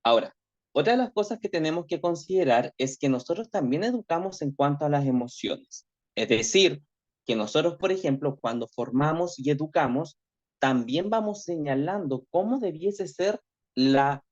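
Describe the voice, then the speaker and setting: A man's voice: fairly high pitch, expressive, normal speed, darkish tone. A male teacher giving an online class lecture, reflective, checking in with tag questions constantly. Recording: dull lo-fi audio.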